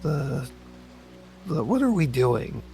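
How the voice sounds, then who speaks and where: Hesitant man with a lively gravelly voice. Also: medium pitch, slow. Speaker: player. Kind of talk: in-character tabletop role-play. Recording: background music.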